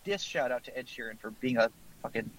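A man's voice: medium pitch, a little fast, no echo, rough recording. A man chatting and teasing his friends on a casual podcast. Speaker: podcast co-host. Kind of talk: casual group chat.

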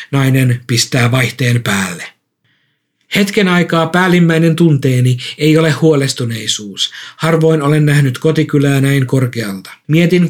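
A man with a slightly high voice reads a first-person story aloud. His telling stays calm and measured from line to line. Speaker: narrator.

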